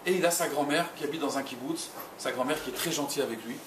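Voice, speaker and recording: Rabbi telling a story in an echoey hall. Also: male voice, medium pitch, fast. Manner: addresses listeners directly, repeats phrases for emphasis. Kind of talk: storytelling sermon. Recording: roomy, distant mic, noisy ambience.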